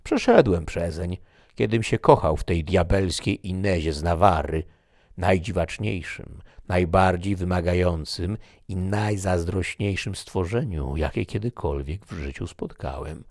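A man voicing a jovial, talkative young nobleman who is easily moved, in an animated, exclamatory reading. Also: deep voice, a little slow, no echo, studio quality. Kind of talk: audiobook character reading.

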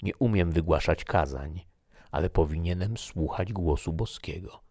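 Guy playing a grim soldier, deep raspy voice, slow heavy delivery, dry close sound. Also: a little mellow, no room sound. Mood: grave. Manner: slow, solemn, measured. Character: grave, fatalistic male soldier. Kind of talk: audiobook character reading.

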